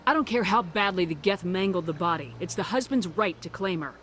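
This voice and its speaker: A woman's voice: fairly low pitch, expressive, a little fast, a bit bright, slight background noise. A woman playing a blunt, hard-edged military commander in a video game, speaking in a curt, challenging way. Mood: firm, demanding.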